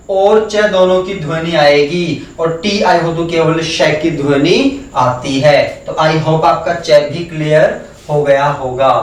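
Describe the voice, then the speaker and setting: A man teaching a phonetics lesson at a board, spelling out words letter by letter and repeating them slowly. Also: on the high side, a little hiss or hum. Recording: echoey room, voice from far off.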